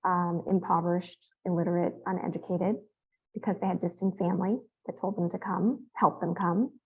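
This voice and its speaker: A woman's voice: fairly low pitch, fairly even intonation, normal speed, slightly rough, muffled recording. A woman in her fifties from California, an author telling family stories in a conversational interview, rambling with fillers and restarts. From San Francisco Bay Area, California. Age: 50s. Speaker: author guest.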